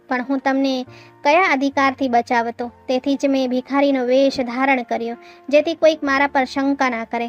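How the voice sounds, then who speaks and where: A woman voicing a young man, a calm police officer in disguise, in a read-aloud story, explaining himself steadily. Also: sits high, highs cut off, natural voice.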